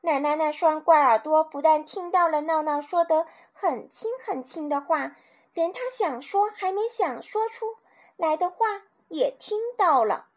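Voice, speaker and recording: High-voiced woman reading a children's story. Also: measured pace. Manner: lively, expressive reading. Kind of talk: scripted children's story narration.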